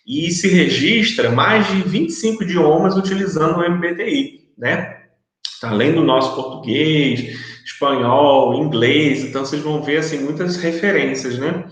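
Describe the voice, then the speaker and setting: A man's voice: fairly high pitch, moderate pace. A man giving a recorded online university lecture, explaining step by step and often checking that students follow along. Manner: explanatory, checks understanding with frequent tags. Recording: very echoey room.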